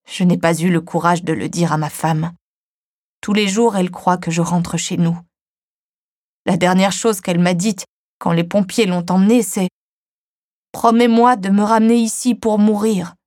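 A woman voicing a frail, grieving elderly man who speaks slowly and weakly. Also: on the low side, no echo, clean studio sound. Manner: slow, weak, quiet delivery.

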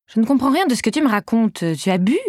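A woman's voice: a little high, expressive, fast, darkish tone, no echo, studio quality, voice pushed up. A woman voicing a blunt, teasing young woman friend in an audiobook, raised a little above her own voice. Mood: exasperated.

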